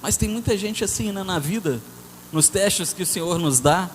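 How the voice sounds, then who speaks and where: A man preaching a sermon, telling a story in an animated way that swings between loud and soft. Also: high voice, moderate pace. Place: church hall. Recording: church hall reverb with faint noise.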